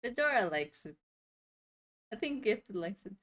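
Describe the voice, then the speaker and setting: A woman's voice: medium pitch, sing-song, measured pace. A woman streamer chatting casually on a live stream, with giggly, chatty asides. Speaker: streamer reacting to videos.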